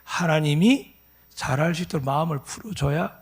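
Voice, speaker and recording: A man's voice: fairly high pitch, normal speed, husky. A pastor in his fifties preaching at a Sunday church service, emphatic and full of rhetorical questions to the congregation. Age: 50s. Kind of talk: sermon.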